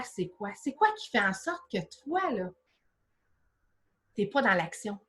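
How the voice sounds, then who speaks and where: A woman's voice: medium pitch, fairly bright tone. A woman with a Québécois French accent runs a motivational live session for an online audience. She speaks in a familiar, chatty manner, peppering listeners with direct rhetorical questions and coaxing them along. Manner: familiar, chatty address with many fillers like "là". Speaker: business coach.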